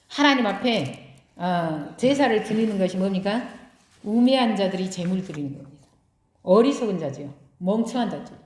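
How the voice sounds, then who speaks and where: A woman pastor preaching a sermon, putting rhetorical questions to her congregation and answering them herself. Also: mid-range voice. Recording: echoey room.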